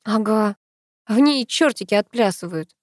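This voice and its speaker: A woman reading an audiobook who voices a sharp-tongued, flustered young woman with raised, exclamatory lines. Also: mid-range voice, expressive, a little slow, dry recording, studio quality, lightly acted. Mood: fretful. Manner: loud, mocking, exclamatory.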